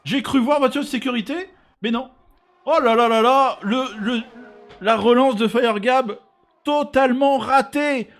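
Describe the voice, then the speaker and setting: A middle-aged man giving excited motorsport commentary, exclaiming and repeating words for emphasis. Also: very high-pitched, a little slow, faint music behind. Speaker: esports racing league commentator.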